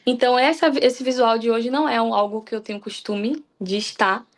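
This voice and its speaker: A young woman from Salvador, Bahia, Brazil, gives a personal devotional talk as a guest preacher on a church livestream, speaking candidly and often restarting sentences. Her voice is fairly high with fairly even intonation, and she talks a little fast.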